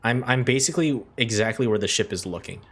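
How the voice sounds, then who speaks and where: A woman's voice: rumbling low, fast talker, breathy edge. A young adult woman streaming a game, chatting casually with a friend, teasing and laughing often. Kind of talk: casual gaming stream chat.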